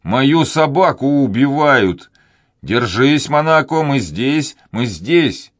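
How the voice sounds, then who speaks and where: A man voicing an excitable buccaneer who shouts eagerly. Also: mid-range voice, moderate pace, pitched above the performer's own voice. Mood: excited.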